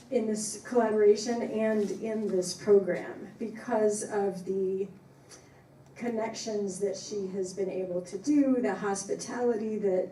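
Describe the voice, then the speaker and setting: Woman prof doing an informal talk, mellow voice, emphatic, roomy echo and bit of hiss. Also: medium pitch. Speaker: biology professor giving a talk. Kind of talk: informal presentation to a congregation. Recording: echoey room, distant, faint noise.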